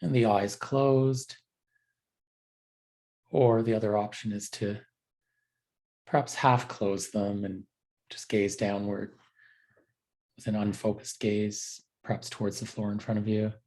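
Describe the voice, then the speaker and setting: A male teacher leads a guided body scan meditation in a lowish voice with little pitch movement. He speaks gently and unhurriedly, halting often in an unscripted way.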